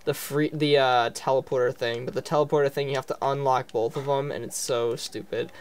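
A man's voice: medium pitch, steady tone, a little fast, smooth. A man giving chatty, slangy gameplay commentary as he plays, swearing freely. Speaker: gamer playing and commentating.

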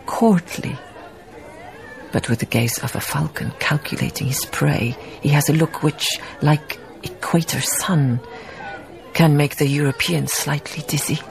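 An actress voices a Danish baroness in a radio drama, slowly and reflectively narrating her life in melancholy, literary tones. Her deep voice comes out husky and breathy, while some chatter can be heard behind her.

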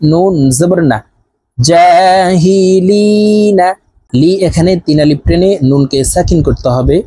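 A man teaching Quran reading, spelling words out letter by letter and reciting verses in a slow, drawn-out chant. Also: a little high, mellow, husky, dry recording. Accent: Bangladeshi Bengali.

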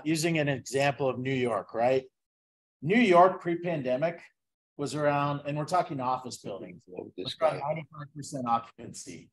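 A man giving an investment presentation to a live audience, engaging and chatty, constantly asking the crowd questions. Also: a little high. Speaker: guest speaker, investment presenter. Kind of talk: interactive sales presentation. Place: event venue with a live audience.

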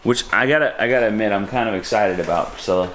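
A man's voice: fairly low pitch, quick pace, a bit bright, a little hiss or hum. Chatty man vlogging in a kitchen. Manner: chatty, self-deprecating, restarts sentences. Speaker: vlogger father. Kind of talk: casual chat. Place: home kitchen, indoors. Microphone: handheld camera at arm's length.

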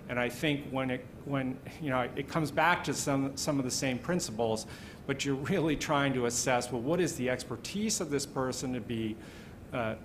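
A middle-aged man speaking as an editor on a panel, measured and explanatory with some hesitation, at a table microphone in a wood-panelled hall. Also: mid-range voice, slight background noise. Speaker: panelist, radio news editor. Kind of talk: panel discussion remarks.

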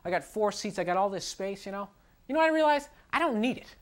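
A young man doing a stand-up routine on a TV studio stage, exasperated and self-mocking, jumping up into high mocking voices. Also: lively intonation, fast. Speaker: stand-up comedian. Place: TV studio stage with live audience. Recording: noisy, with loud audience laughter.

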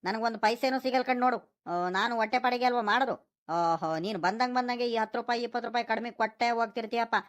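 A woman voicing a young male village snack-shop keeper in a cartoon, calm and pleading, with a rural Karnataka Kannada accent. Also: on the high side, fast, lightly acted.

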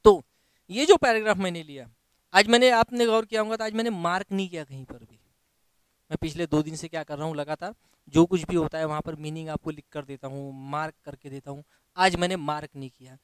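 A man with an Indian accent gives an exam lesson, reading English sentences slowly and then explaining them in Hindi. His voice is fairly high and smooth. He prods his students with rhetorical questions, recorded dry and close. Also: no echo. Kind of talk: classroom lecture.

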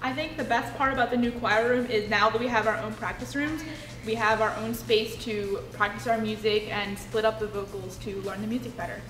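A teenage girl gives measured answers in a school interview. Her voice sits a little high, and the classroom adds echo. Music plays clearly behind. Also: steady tone, a bit bright. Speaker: student interviewee. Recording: echoey classroom.

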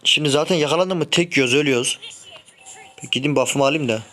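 A man's voice: on the high side, quick pace. Young man commentating his game. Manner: frustrated, shouts sharply when the game goes wrong. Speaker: gaming streamer. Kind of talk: live gameplay commentary.

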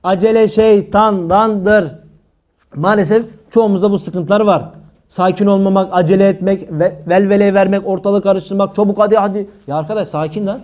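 A male preacher giving a religious talk, his voice sitting high yet sounding warm and mellow. He teases his listeners with jokes between the teachings. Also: fairly even intonation, a little fast. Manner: humorous, teasing the audience between teachings. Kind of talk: religious talk to a live audience.

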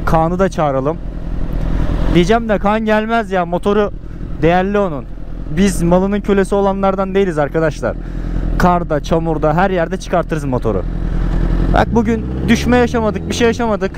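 Young man motovlogging over loud engine noise. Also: sits high, moderate pace. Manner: chatty, excitable, addresses viewers directly. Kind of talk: casual motovlog commentary. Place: outdoors on a snowy road, riding a motorcycle. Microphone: helmet-mounted action camera. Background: motorcycle engine.

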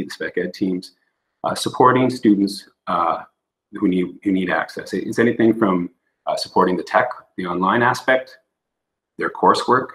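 A middle-aged man with a notably deep voice walks a board through examples over a video call. He explains patiently, often restarting phrases and using fillers. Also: a bit bright, low-quality recording. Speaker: school board administrator presenting. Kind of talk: presentation at a remote board meeting. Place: indoor room on a video call.

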